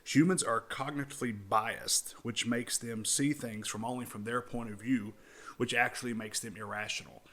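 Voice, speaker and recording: A man's voice: mid-range voice, steady tone, normal speed, a bit bright. A man hosting a podcast, summing up a book in loose casual talk, with many fillers and restarts. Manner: loose, repetitive phrasing with frequent fillers and restarts. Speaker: podcast host.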